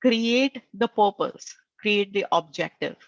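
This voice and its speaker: Speaking slowly in a creaky, medium-pitched voice, this woman is a career coach giving earnest networking advice. English is her second language and she has an Indian accent, frequently tacking "right?" onto her sentences. The audio is muffled, with no room sound.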